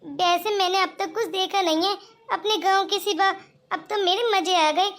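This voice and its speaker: A woman voicing a gentle young daughter-in-law from a village in a cartoon, talking in an earnest, pleading way. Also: very high voice, fairly even intonation, normal speed. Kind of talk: cartoon voice acting.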